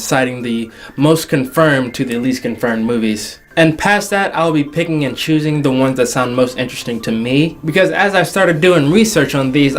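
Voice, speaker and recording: Over background music, a young male video host delivers laid-back entertainment commentary full of jokes and slang, drawing out words for emphasis. He speaks with a medium pitch and a fairly bright tone.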